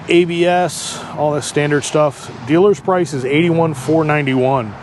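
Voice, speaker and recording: Man casually narrating a walk-around, noisy ambience. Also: on the high side. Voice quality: talking through a face mask indoors. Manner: halting, thinking aloud while looking around. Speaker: car vlogger giving a dealership walk-through. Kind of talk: casual unscripted walk-through commentary. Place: car dealership, showroom then outdoor lot. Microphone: microphone with a furry windscreen. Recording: handheld vlog with background ambient noise.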